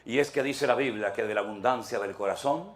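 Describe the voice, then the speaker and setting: A man's voice: medium pitch, fairly quick. A man in his sixties from Venezuela, preaching an impassioned, rhetorical sermon as a pastor and acting out church members. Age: 60s.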